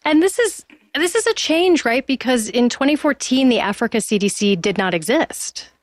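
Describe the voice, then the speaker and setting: A woman's voice: on the high side, animated, normal speed, dry recording. Direct, probing woman interviewer. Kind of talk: interview questions.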